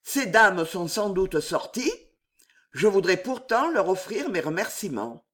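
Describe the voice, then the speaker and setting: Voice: mid-range voice, very animated, unhurried, fairly bright tone. A reader voicing a young male officer, a knight, with a polite, earnest manner.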